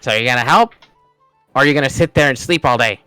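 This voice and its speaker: A man's voice: medium pitch, quick pace, bright, forceful tone, clean tone, dry recording, lightly acted. Sly old raccoon spirit, brusque and smug, male game master acting it out, close dry sound, music behind. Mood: sly, impatient. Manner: sly, needling, impatient. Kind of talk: tabletop game role-play.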